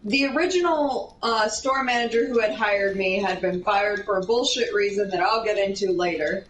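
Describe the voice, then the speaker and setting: Gaming as she talks, this young adult woman rambles through a sweary, casual story and keeps drifting off topic. Her mid-range voice is fairly bright and moves at normal speed. The distant mic picks up slight background noise, a roomy echo and music behind her.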